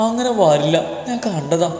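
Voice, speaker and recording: A man voicing a feisty, sharp-tongued young bride in a storybook reading, answering back with defiant, mocking retorts. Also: on the high side, animated, moderate pace, close to an everyday voice. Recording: echoey room with long reverb, faint music.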